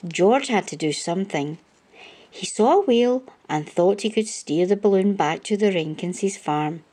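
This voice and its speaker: Reading from a children's storybook, an expressive female narrator speaks at a measured pace in a mid-range voice.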